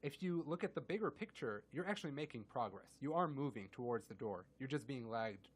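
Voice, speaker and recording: A man co-hosting a casual radio chat, walking through physics with simple analogies. He laughs easily and keeps a friendly back-and-forth going. His voice sits at an average pitch. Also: lively intonation, a little fast, breathy edge. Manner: laughs often, explains with analogies. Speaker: co-host explaining physics.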